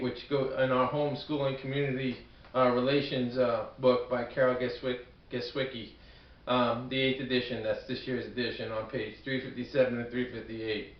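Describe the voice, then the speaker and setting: A man with a Brooklyn accent presents like a student in a homemade video, picked up from far off in an echoey room. His delivery is halting and humble, doubling back on words, in a mid-pitched voice. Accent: Brooklyn, New York. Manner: halting, self-deprecating, repeats words. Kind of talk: informal amateur video presentation. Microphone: camcorder at a distance. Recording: echoey room, distant muffled camcorder microphone.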